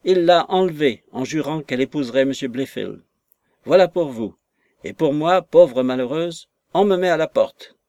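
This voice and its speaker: A man's voice: mid-range voice, moderate pace, a little mellow, no room sound, studio quality, natural voice. A man voicing a distraught lady's maid, a woman who wails and pities herself in a raised, plaintive voice. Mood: lamenting.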